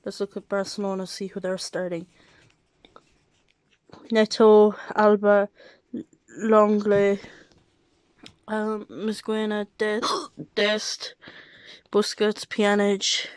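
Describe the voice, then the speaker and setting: A woman's voice: mid-range voice, little pitch movement, slow, long pauses, smooth, dry recording, poor audio. A woman with the hiccups, casually running through football results and lineups and often excusing herself. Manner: reads out lineups, keeps apologizing. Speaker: football vlogger. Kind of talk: casual live football reaction.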